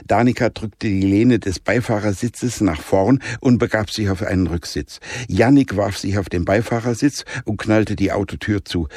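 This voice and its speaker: A man narrating a children's adventure audiobook in a calm, measured storytelling voice. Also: lowish voice, no room sound, clean studio sound. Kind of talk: scripted narration.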